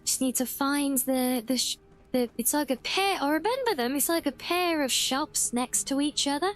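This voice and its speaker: High-voiced woman chatting over gameplay. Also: lively intonation, moderate pace, faint music behind. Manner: chatty, rambling, thinking aloud. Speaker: game streamer. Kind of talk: casual gameplay commentary.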